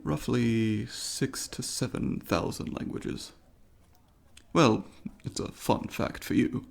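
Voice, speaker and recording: Speaking slowly at a medium pitch, a man with a creaky voice portrays an eager, polite alien student for an ASMR roleplay. His address to the listener is formal, exact, curious and apologetic, and the mood stays polite and inquisitive.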